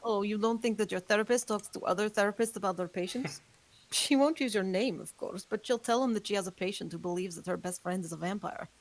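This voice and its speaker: During a script table read, a woman voices a young female vampire who urgently and earnestly warns her roommate about danger. She speaks quickly at medium pitch in a natural voice, though the recording is rough.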